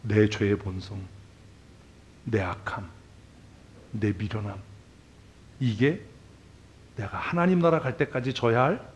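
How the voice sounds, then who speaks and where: A male pastor preaching a sermon in a church, talking casually and bluntly, peppering the congregation with questions and swinging between loud emphasis and quiet asides. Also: lowish voice, slow pace, pauses often, a little hiss or hum. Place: church sanctuary.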